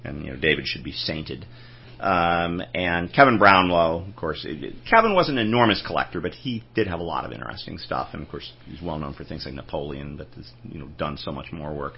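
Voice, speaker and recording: Deep husky man telling stories. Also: expressive, a little fast, lo-fi sound. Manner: anecdotal, rambling, many restarts. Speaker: film collector guest. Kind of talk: casual interview storytelling.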